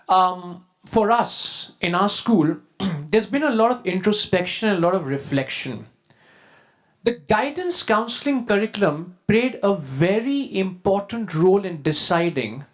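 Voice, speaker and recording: A man with an Indian accent giving a prepared talk as a school leader, in a formal, measured and emphatic way. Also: high-pitched. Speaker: school deputy head, conference speaker. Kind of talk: prepared presentation to an audience.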